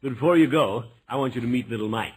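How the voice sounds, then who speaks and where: A man's voice: medium pitch, fast, slight background noise, natural voice, rough recording. A man playing a genial, blustery middle-aged uncle in 1950s radio comedy, with a hesitant, theatrical way of talking. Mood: genial, bustling.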